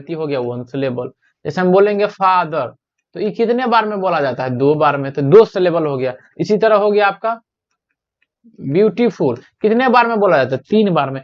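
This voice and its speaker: A male teacher with a Bihari Hindi accent runs an exam-prep lesson, asking his students questions and answering them himself. He stretches out each English question line slowly and deliberately. The recording sounds dull and lo-fi. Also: high voice.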